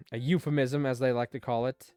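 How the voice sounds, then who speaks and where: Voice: medium pitch, fairly even intonation, normal speed, a little mellow, clean tone, no room sound, soft background music. A streamer playing a dating game, reading the dad's lines and making chatty, rambling asides. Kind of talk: let's play commentary and reading.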